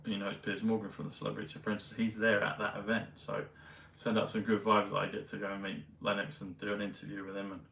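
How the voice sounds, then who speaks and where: A man vlogging in a meandering, hesitant casual monologue full of pauses and fillers. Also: lowish voice, completely flat delivery, creaky, a bit bright. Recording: roomy, mic at a distance, faint ambience.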